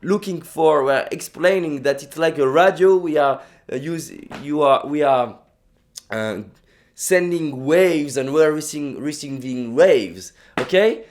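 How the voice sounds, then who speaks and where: This slightly high, unhurried, somewhat mellow male voice belongs to a young man from France with a French accent. A native French speaker, he gives a forceful motivational vlog talk, repeating himself and restarting often, with slight background noise audible.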